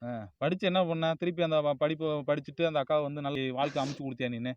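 A man out on a road, loudly lecturing a crying friend, repeating himself as he scolds. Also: on the high side, fast, no room sound, dull audio. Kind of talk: heated roadside scolding. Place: on a road outdoors.

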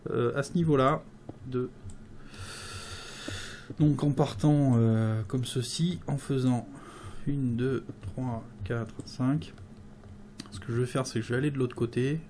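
A man's voice: medium pitch, measured pace, pauses often, darkish tone, a little hiss or hum. A man giving let's play commentary, thinking aloud as he builds, with many hesitations and fillers. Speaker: gameplay commentator.

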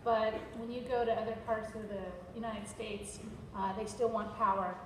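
Woman panelist chiming in fast with jokes, far off in a roomy hall. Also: a little high, level tone, background noise. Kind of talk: panel discussion.

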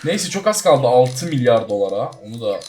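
A man giving casual, excitable commentary while playing a game, talking straight to his viewers and swinging between loud surprise and low muttering. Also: moderate pace, soft background music. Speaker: gaming YouTuber.

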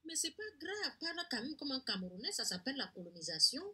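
A woman's voice: high voice, big pitch swings, quick pace, bright, forceful tone, slightly rough. A woman chatting in a playful, teasing way, bossing the other speaker around for fun. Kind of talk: teasing casual chat.

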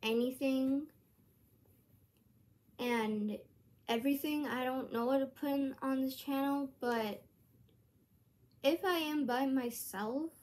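A woman with a high voice speaks to her channel in an unhurried, earnest casual vlog. She rambles and restarts her thoughts mid-sentence. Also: darkish tone. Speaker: YouTuber.

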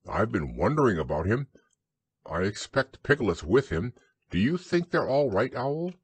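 Man voicing high, eager storybook boy Christopher Robin. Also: normal speed, breathy edge, no echo, exaggerated voice. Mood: anxious, fond. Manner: earnest, excitable. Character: eager, kind, excitable young boy.

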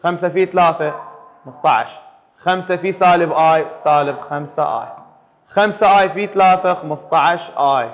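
A man's voice: fairly high pitch, brisk, long reverb tail. A man with an Iraqi Arabic accent teaching a math lecture, firing questions at his students and repeating them for the class to answer. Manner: quizzes students with repeated call-and-response questions.

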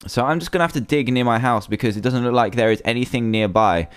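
A man's voice: mid-range voice, fast, clean tone, no room sound. A young man giving casual, chatty commentary while playing a survival game, often nervous and easily panicked. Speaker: gaming video creator.

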